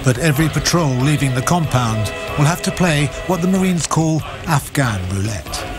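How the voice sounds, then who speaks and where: A man's voice: on the high side, expressive, moderate pace. A man reading dramatic, scripted documentary narration in grave, emphatic short phrases. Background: music.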